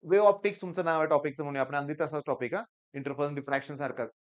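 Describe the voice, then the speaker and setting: A man's voice: a little high, fairly even intonation, rapid-fire, highs cut off. A middle-aged man, a tutor, giving an emphatic exam-preparation talk to students and telling stories from his classes. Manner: emphatic and urging, tells anecdotes to students. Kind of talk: exam-prep teaching talk.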